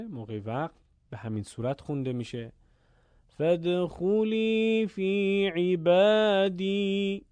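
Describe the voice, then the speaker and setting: A man teaching the rules of pausing in Quran recitation, explaining calmly and stopping to chant short verses slowly. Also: medium pitch, no room sound. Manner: asks the listener questions and answers them. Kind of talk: tajweed lesson with recited examples.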